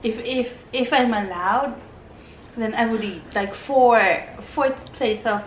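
A middle-aged woman, a mother, chatting at a meal in short slow remarks. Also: fairly high pitch, highs cut off. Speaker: vlogger's mother. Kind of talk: casual mealtime chat. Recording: echoey room with faint noise.

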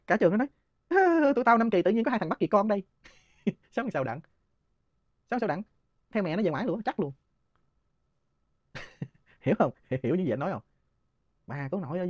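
A man's voice: high-pitched, mellow, no room sound, dull audio. A man, hosting and answering listener questions in a heated, scornful monologue punctuated by laughs. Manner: rapid, scornful ranting with frequent laughs.

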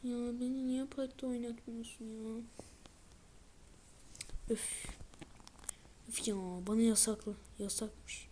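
A woman giving let's-play commentary with excitable running reactions to the screen, often dropping into a whisper. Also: on the high side, slow, pauses often, a little hiss or hum. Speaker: gaming video creator.

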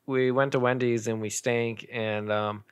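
A man's voice: mid-range voice, steady tone, unhurried, clean tone. A young man co-hosting a podcast, telling stories in a laid-back, matter-of-fact way. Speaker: podcast co-host. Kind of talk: casual chat.

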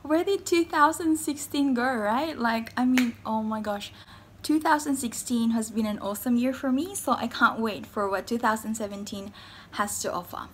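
A young woman from the Philippines talks straight to her viewers in a casual vlog. Her voice sits a little high, and she bubbles with excitement, tumbling through fillers and quick asides. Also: slight background noise. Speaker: vlogger.

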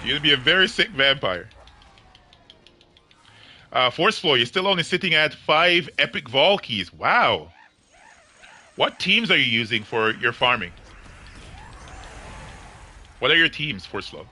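A man's voice: medium pitch, sing-song, a little slow, long pauses, sharp tone, a little hiss or hum. A young man chatting casually with viewers on his game livestream, joking and laughing often in slangy talk.

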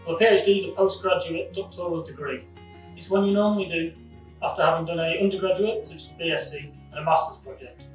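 A man from Lancaster in England, a postdoctoral researcher, giving a brisk, clear explanation to camera. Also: on the high side. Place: university lab, indoors. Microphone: camera at a distance. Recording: echoey lab with distant mic, guitar music behind.

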